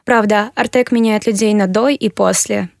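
An eighteen-year-old woman from Kyrgyzstan answering interview questions earnestly, pausing with fillers as she thinks. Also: medium pitch, fairly even intonation, vocal fry, dry recording, studio quality. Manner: earnest, measured, with hesitant fillers. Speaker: interviewee, university applicant.

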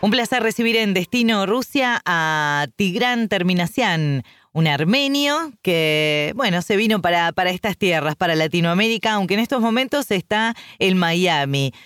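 A woman's voice: fairly low pitch, animated, moderate pace, a bit bright, no echo, clean studio sound, faint music behind. A woman hosting an interview, welcoming her guest and asking friendly questions with light laughter. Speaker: host.

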